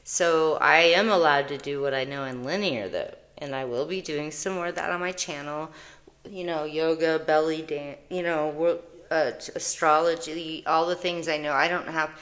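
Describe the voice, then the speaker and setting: Woman tarot reader, low voice, rambling emotional vlog chat full of restarts. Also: fairly bright tone. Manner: rambling, emotional, self-interrupting; reads card text aloud slowly. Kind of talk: casual spiritual vlog chat.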